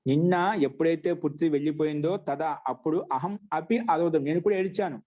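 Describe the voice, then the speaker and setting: A man leads an online Sanskrit grammar class, his voice pitched a little above the usual for a man. He repeats every phrase slowly and patiently so his students can copy it down. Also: warm tone. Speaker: Sanskrit teacher.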